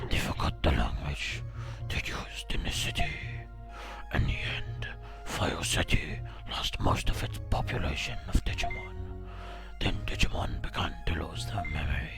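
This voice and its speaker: A man voicing an ancient, wise male tree spirit in a deep, gravelly whisper, slow and solemn. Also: animated, exaggerated voice. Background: game music.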